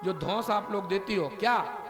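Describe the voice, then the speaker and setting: A man's voice: sits high, normal speed, reverberant, long reverb tail, over music. A man giving a devotional discourse, telling the story and talking straight to the audience, with bits of rustic dialect. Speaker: kathavachak preacher. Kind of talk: devotional discourse with verse recitation.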